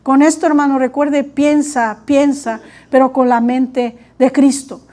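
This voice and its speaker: Woman, high voice, animated sermon, acts out voices, allergies. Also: a little slow. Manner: animated, acts out her own inner dialogue. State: watery eyes from allergies. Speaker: preacher.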